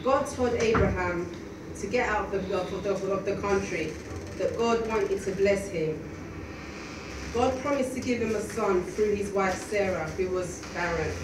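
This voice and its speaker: A woman's voice: medium pitch, unhurried. A young adult woman preaching a sermon at a lectern in a small church, in a conversational way with many fillers and restarts. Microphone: stand mic at a lectern, filmed by a far camera. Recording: echoey hall from far off, noisy.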